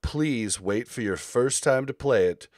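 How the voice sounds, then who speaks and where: A man co-hosting a casual gaming podcast, talking excitably and swearing casually. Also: medium pitch, unhurried, dry recording, clean studio sound. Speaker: podcast co-host.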